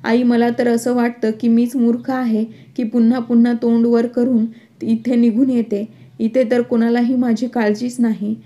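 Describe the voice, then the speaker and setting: A defiant, quick-tempered young wife from a narrated storybook, as a woman reads her lines. The voice sits fairly high yet stays level and even, with a soft, mellow tone. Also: close to an everyday voice. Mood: tearful.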